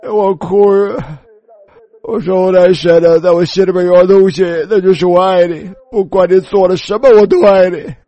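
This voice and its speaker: A man with a high voice delivers a sermon as a personal testimony. He speaks in an emotional, pleading manner that often turns tearful. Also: little pitch movement, a little fast, few pauses, mellow, dry recording, dull audio. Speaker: preacher.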